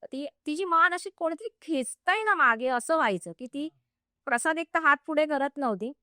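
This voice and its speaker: A woman's voice: high voice, lively intonation, moderate pace, pushed and bright, no room sound, clean studio sound. A woman spiritual teacher telling a story in a podcast interview, vivid and acting out what people said. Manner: vivid, acts out quoted speech.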